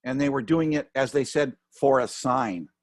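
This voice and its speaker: A man's voice: medium pitch, normal speed, dry recording, studio quality. A man leading an informal class discussion, talking hesitantly with many fillers and restarts. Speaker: course leader.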